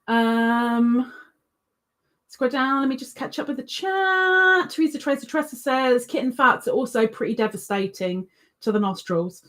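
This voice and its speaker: Chatty woman, slow and high. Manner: chatty and rambling, with frequent ums and self-corrections. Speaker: crochet livestream host. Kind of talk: casual live chat, reading viewer comments aloud.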